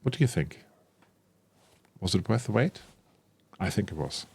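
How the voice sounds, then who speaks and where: A man's voice: deep voice, lively intonation, a little slow, creaky, a little mellow, husky. A man giving casual, enthusiastic unboxing commentary as a tabletop game creator, thinking aloud with frequent ums and self-corrections. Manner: enthusiastic about the product. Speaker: tabletop RPG content creator.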